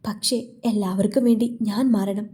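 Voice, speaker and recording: A woman voicing a devoted young heroine in a storybook romance, speaking softly and with feeling. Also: medium pitch, steady tone, moderate pace, lightly acted. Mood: pensive.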